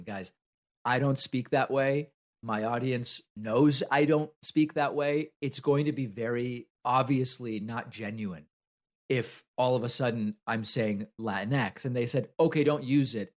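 Hosting political commentary on his own, this Argentine man, whose first language is Spanish, argues in a conversational manner and rebuts objections he poses to himself. His voice is mid-pitched for a man.

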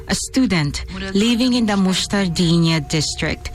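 Actress doing angolan accent woman reading the paper in a movie, real slow n measured, music loud behind her. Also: mid-range voice, expressive, lightly acted. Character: Angolan woman reading a newspaper story aloud. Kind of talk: film dialogue, reading aloud. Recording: film soundtrack with music underneath.

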